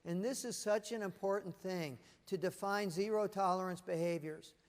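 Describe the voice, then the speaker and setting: High-ish guy doing a motivational talk, animated storyteller, big echoey hall. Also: normal speed. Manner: animated storytelling, acting out voices. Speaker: motivational speaker. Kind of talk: live keynote presentation. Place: conference room with leadership audience.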